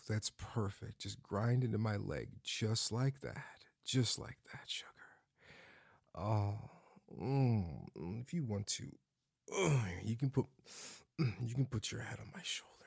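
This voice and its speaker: Low, unhurried male voice for intimate roleplay; murmured delivery, drifts into whispers, dry close sound. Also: dry recording. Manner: soft, murmuring, frequent hums and sighs; slips into breathy whispers. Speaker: audio roleplay performer.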